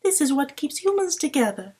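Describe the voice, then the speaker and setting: A woman's voice: high voice, big pitch swings, brisk, dark tone, voice pushed up. A woman voicing a sly male trickster who lies with a straight face, in a mock-serious, conspiratorial way.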